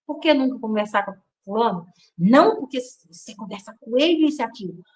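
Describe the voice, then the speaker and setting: Brazilian woman telling her story, kinda high voice, acts out every quote. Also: fairly quick, rough recording. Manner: animated, acts out quoted dialogue. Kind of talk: casual storytelling.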